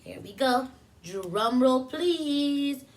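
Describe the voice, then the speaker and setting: In a high-sitting voice full of lively intonation, a preschool teacher reads a picture book to young kids, stopping for simple explanations and questions aimed at them. The recording is very noisy.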